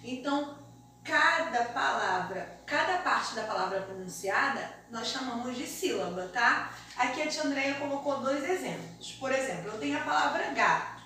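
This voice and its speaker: A Brazilian woman teaching a remote lesson to young children, explaining slowly and deliberately in a sing-song way. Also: high-pitched, animated, pushed and bright. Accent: Brazilian Portuguese. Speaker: primary school teacher. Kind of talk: remote primary school lesson. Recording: very echoey room, mic far off, faint hiss.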